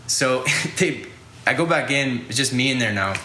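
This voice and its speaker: Young male podcast host, rambling and casual, bright voice in an echoey room. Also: mid-range voice, moderate pace, slight background noise. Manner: rambling, lots of "like" fillers and swearing. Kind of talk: casual storytelling.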